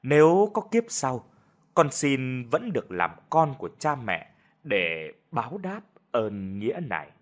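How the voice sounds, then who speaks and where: A man's voice: mid-range voice, sing-song, a little slow. A man voicing a young pregnant daughter begging her parents through tears in a storybook reading. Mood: tearful. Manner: pleading, sobbing.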